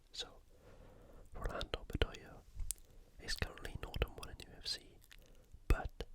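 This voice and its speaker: This is ASMR sports commentary from the United Kingdom: the host breathes out fight previews in a gentle whisper, stopping at times to think aloud.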